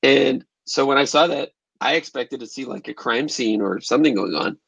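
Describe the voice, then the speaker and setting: A man's voice: medium pitch, lively intonation, normal speed, vocal fry, fairly bright tone, husky, dry recording, low-quality recording. A man filmmaker answering interview questions in a thoughtful, conversational way, often restarting his phrases. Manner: thoughtful, restarts phrases while recalling events. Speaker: documentary filmmaker and photographer.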